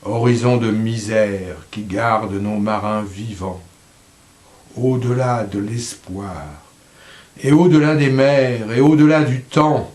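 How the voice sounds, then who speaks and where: Slow, solemn man reading poetry. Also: fairly low pitch, steady tone, reverberant. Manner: slow, solemn reading with soft dropping line endings. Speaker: poetry reader. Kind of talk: poetry recitation.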